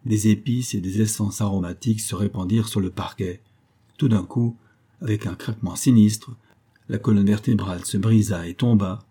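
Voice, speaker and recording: A man narrating a translated classic short story in a steady, measured way. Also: fairly low pitch, slightly rough. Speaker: audiobook narrator. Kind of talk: scripted narration.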